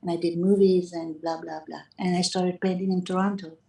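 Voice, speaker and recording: A woman's voice: on the low side, little pitch movement, a little fast, gravelly, mellow. Female caller from Hungary, hesitant delivery, heard from far off in an echoey room. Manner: hesitant, stammers and restarts. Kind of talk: casual chat on a video call. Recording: echoey, distant video-call audio.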